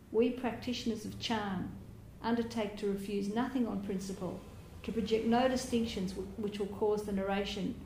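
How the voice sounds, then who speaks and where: Woman teacher doing a dharma talk, gentle and thoughtful, bit of room echo, faint noise. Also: mid-range voice, vocal fry. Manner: gentle, reflective, with soft laughs and hesitations. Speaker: meditation teacher. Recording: roomy hall with faint background noise.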